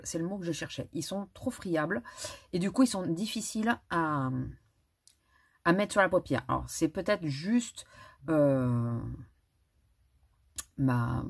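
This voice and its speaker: A woman's voice: low voice, slightly rough. A middle-aged woman reviewing a makeup palette in a casual vlog, chatty and hesitant, with frequent restarts and small laughs. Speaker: beauty vlogger.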